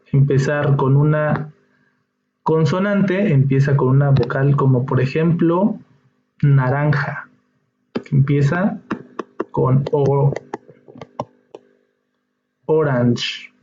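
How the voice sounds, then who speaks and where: A man's voice: a little high, a little mellow, a little hiss or hum. A man teaching an English lesson, patiently explaining each step and checking in with his students. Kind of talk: slow classroom explanation. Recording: dull echoey room recording.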